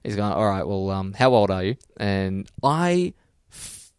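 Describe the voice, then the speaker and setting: A man's voice: on the low side, sing-song, measured pace, clean tone, no room sound, clean studio sound. A man in his twenties co-hosting a podcast in casual chat, telling stories that ramble and correct themselves. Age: 20s. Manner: rambling, self-correcting storyteller. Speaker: podcast co-host.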